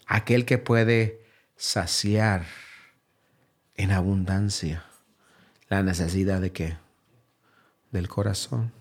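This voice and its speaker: A man preaching a sermon as pastor. He drives his points home with repeated rhetorical questions, dropping low and quiet, then rising to a raised, urgent appeal. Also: fairly even intonation, takes it slowly, pauses often, breathy edge. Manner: swings between low, quiet phrases and raised, higher exhortation.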